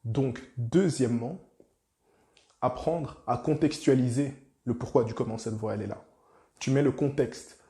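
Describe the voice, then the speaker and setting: A man's voice: mid-range voice, measured pace, dark tone, roomy sound. A man talking as a life coach, chatty and direct, speaking to the viewer familiarly and often repeating himself. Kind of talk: casual motivational talk to camera.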